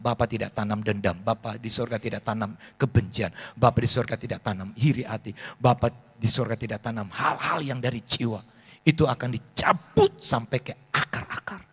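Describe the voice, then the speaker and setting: A man, preaching a sermon as pastor and telling animated stories. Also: mid-range voice, husky. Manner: animated storytelling, acts out voices of people in his stories.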